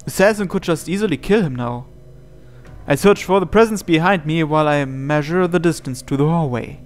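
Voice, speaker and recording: Speaking briskly in a slightly high voice, a gaming channel host performs visual novel narration dramatically. The game's background music can be heard under his voice.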